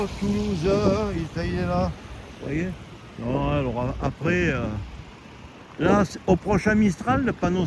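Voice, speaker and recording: A man in his late sixties, a retiree ranting to the camera outdoors on a street, stammering and repeating himself as he complains. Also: high-pitched. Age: 60s. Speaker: retiree vlogger. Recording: outdoor street noise behind.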